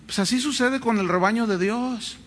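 A man preaching a sermon as pastor, telling animated stories and acting out voices. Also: very high voice, normal speed, a little hiss or hum. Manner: animated storytelling, acts out voices.

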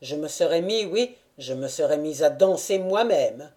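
A woman reading the part of an old, gruff Cossack chief who exclaims loudly and heartily, in an audiobook. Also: low voice, lively intonation, moderate pace. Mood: exuberant.

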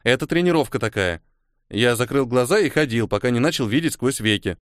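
A calm nine-year-old boy answers in short, offhand, deadpan lines, as a male narrator reads him. The voice stays close to the narrator's own. Dry, close storybook recording. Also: mid-range voice, a little fast, dry recording, close to an everyday voice.

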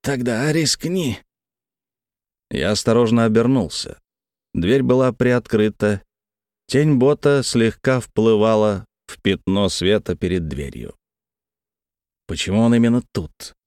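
A man narrating a first-person thriller audiobook in a tense, measured way. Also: fairly low pitch, darkish tone, smooth, dry recording, studio quality.

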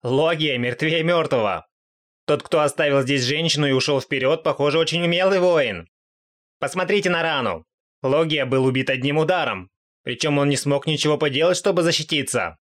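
A man reading aloud and voicing a huge goat-headed monster commander who talks in agitated shouts. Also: on the high side, normal speed, pitched above the performer's own voice, close to an everyday voice. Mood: alarmed.

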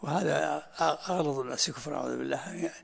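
Older sheikh teaching a lesson, gravelly husky voice, talks quick. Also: male voice, fairly high pitch. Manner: explains in short repeated phrases, answers questions. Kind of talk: religious lesson with Q&A.

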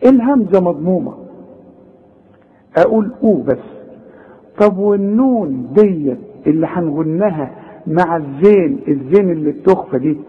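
A man with an Egyptian accent teaching Quran recitation rules, quizzing the student and slowly modelling each word. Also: a little high, husky, narrow, tinny audio. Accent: Egyptian Arabic. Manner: animated, demonstrates recitation slowly, questions the student. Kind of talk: tajweed lesson.

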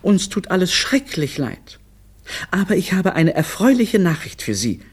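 Man doing a flustered mother, shrill, scolding, very high, husky. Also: sing-song, unhurried, exaggerated voice. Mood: pleading.

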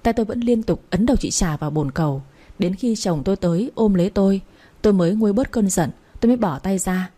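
A woman narrating a first-person story in a plain, steady reading. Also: medium pitch, quick pace.

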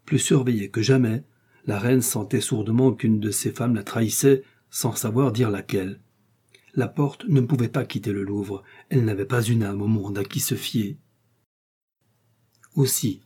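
Mellow, husky male narrator. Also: lowish voice, normal speed. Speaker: audiobook narrator. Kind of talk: scripted narration.

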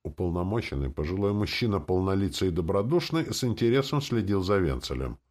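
A man reading an audiobook with an expressive, dramatic delivery. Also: sits low, a little fast. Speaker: audiobook narrator. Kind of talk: scripted audiobook narration.

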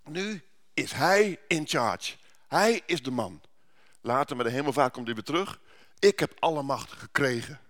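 A man preaching who puts on the voice of God the Father, proud and declaring, a little higher and louder than his own talk. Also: animated, unhurried.

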